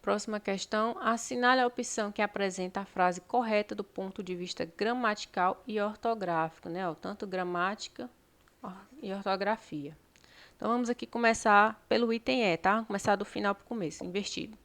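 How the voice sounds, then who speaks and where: A Brazilian woman teaches an exam-prep lesson at a steady, explanatory pace. She walks through each option and keeps checking that students follow. Her voice sits in an ordinary middle register. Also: mid-range voice, fairly quick. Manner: explanatory, frequent tag questions.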